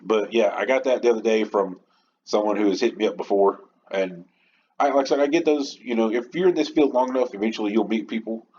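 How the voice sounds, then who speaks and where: In this rambling, passionate podcast monologue, the male host speaks off the cuff and informally, like a rant. He has a lowish, slightly mellow voice and talks a little fast. Background noise is clearly audible over the dull, lo-fi sound.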